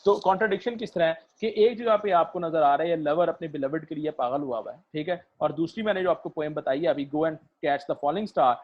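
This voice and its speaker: A man giving a literature lecture, mixing in English terms, hesitating with fillers and keeping on asking his students "right?". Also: a little high. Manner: keeps checking "theek hai?" and fills pauses with "uh", mixing in English terms. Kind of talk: recorded lecture. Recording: dull lo-fi recording.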